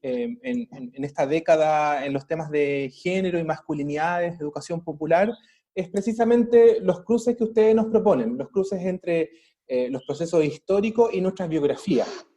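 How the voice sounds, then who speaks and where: A man asking a long, measured interview question, with a few hesitations along the way. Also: fairly high pitch, mellow.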